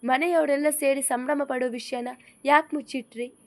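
A woman's voice: high-pitched, fairly even intonation, moderate pace, a little mellow, no echo, natural voice. A woman voicing a grave, demanding mother-in-law who questions her family in a stern way in an audio story.

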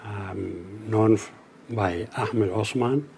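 An older man, thoughtfully recounting his past in an interview, speaking in an unhurried, measured way with frequent pauses. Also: fairly low pitch, vocal fry, warm tone, slight background noise. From Sudan. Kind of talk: reflective storytelling. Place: indoors by a window.

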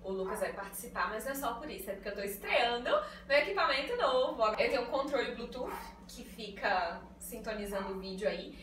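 Uma jovem mulher conversando com quem assiste enquanto cozinha e explica cada passo de uma receita na cozinha de casa. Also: female voice, fairly high pitch, animated, fairly quick, fairly bright tone, slight background noise. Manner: chatty, explains each step to viewers. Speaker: cooking vlogger. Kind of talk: casual cooking vlog. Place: small tiled home kitchen. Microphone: phone on a tripod. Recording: echoey room, distant phone mic, background music.

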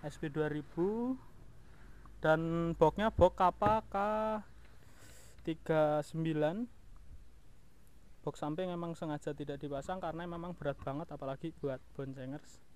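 A somewhat high, slightly mellow voice comes from a motovlog host chatting informally to viewers as he walks around his motorbike in a house yard. Intonation is fairly even and the pace a little slow with long pauses, recorded on an outdoor action camera with clear background noise.

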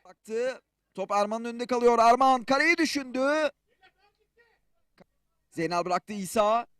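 A man commentating on a football match in short clipped phrases, screaming excitedly as shots and goals come. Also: very high voice, unhurried, clear, resonant tone, no echo, studio quality. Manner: short clipped phrases, calling players by first name.

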